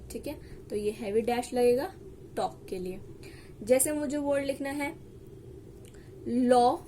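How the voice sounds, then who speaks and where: A woman's voice: high-pitched, a little hiss or hum. A woman shorthand teacher, explaining each example word patiently and saying it again as she writes it. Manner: slow, patient, repeats example words while writing. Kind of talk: classroom lesson.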